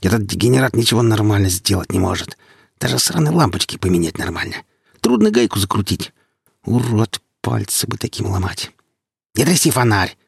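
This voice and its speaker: A man voicing a squeaky, cocky young male thug who bosses and shouts at others. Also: very animated, a little fast, vocal fry, husky, no echo, studio quality, heavily acted. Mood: irritated. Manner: rude, bossy, shouting.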